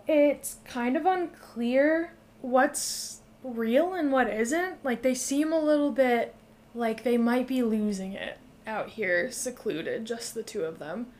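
Chill woman podcast host, kinda high voice, swears a lot, just chatting. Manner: relaxed, swears freely, recaps a plot loosely. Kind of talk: casual chat.

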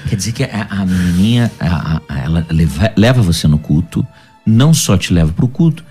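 A man's voice: sits low, animated, fairly quick, mellow, slightly rough, faint music behind. A man with a Brazilian accent hosting a casual interview, echoing and finishing his guest's sentences. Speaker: host.

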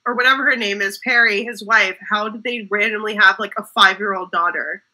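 A young woman co-hosting a casual podcast chat about a TV series, animated and quick, laughing often. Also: medium pitch. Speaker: podcast co-host.

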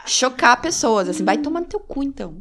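Woman, podcast host, rapid speech, fairly high voice. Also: very animated, a bit bright. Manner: fast, chatty storyteller, swears freely. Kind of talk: casual chat.

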